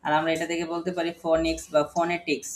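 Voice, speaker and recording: A man's voice: on the high side, completely flat delivery, fast, slight background noise. A man with a Bangladeshi accent teaching a phonics lesson to a class, spelling words letter by letter and asking his students questions. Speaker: English teacher.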